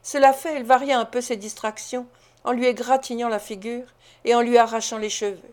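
Female audiobook narrator, slightly high, measured expressive reading of a classic. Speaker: audiobook reader. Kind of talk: scripted narration of a classic novel.

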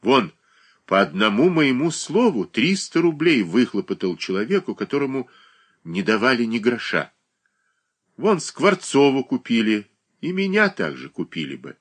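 A man's voice: medium pitch, big pitch swings, normal speed, voice pushed up. A man reading aloud, voicing a proud, bitter young woman who speaks with scorn and defiance. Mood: bitter scornful.

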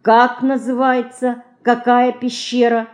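A woman's voice: fairly high pitch, level tone, takes it slowly, a little mellow, pitched above the performer's own voice. A woman reading an audiobook, voicing an earnest, sensible schoolgirl who is the older sister.

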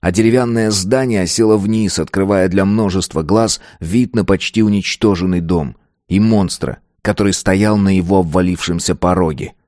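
A man narrating a fantasy story in a measured, steady reading voice. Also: low-pitched, no room sound, clean studio sound. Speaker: audiobook narrator. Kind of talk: scripted narration.

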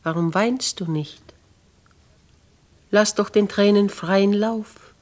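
An actress playing a noble lady in a 1950s radio play who questions a grieving girl in a measured, gently coaxing way. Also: medium pitch, natural voice. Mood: gentle probing. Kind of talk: 1950s radio drama acting.

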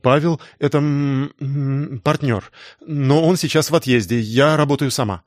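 A man's voice: medium pitch, normal speed, dry recording, natural voice. A young woman detective, hesitant at first but pushy and eager, as a male narrator lifts his voice for her. She is recorded close and dry, in an audiobook reading. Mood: unsure.

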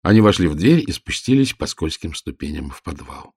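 A man narrating a storybook in a steady, expressive reading voice. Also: low-pitched, a little fast, breathy edge, no room sound, clean studio sound.

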